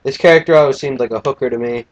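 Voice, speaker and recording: A man's voice: mid-range voice, very fast, dry recording, low-quality recording. A young man casually commentating a video game, tired and yawning, with a crude, joking, rambling manner. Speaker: let's play gamer.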